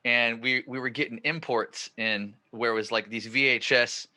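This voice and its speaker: A podcast host in his forties from northern California who tells a long story in a casual, rambling way. He grows excited and loud at the punchlines. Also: medium pitch, measured pace.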